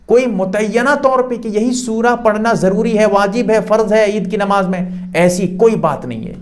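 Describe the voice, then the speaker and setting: A man's voice: high-pitched, background noise. A man teaching how to perform a prayer step by step, explaining patiently and repeating key points with rising emphasis. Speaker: Islamic teacher. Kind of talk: religious instruction.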